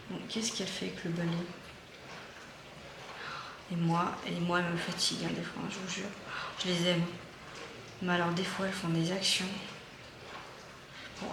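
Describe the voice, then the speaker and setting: A woman in her thirties chats into her phone camera at home in a loose, rambling way, full of fillers and restarts. The room sounds echoey, with steady background noise under her voice. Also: mid-range voice, vocal fry. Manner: chatty storytelling with many fillers. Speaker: vlogger. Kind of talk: casual vlog chat. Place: family home.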